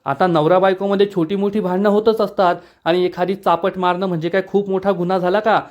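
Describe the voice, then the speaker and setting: An arrogant, bullying husband who angrily protests, voiced by a male narrator with a high voice. The audio is dull and lo-fi. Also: little pitch movement, a little fast, a little mellow, natural voice. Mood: angry. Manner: angry, blustering. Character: bullying older husband, man, arrogant villain. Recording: dull lo-fi recording.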